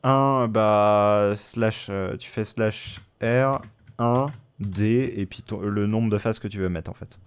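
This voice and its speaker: A man's voice: fairly low pitch, takes it slowly, clear, resonant tone. A man running an online tabletop game, teasing and explaining rules casually. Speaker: game master.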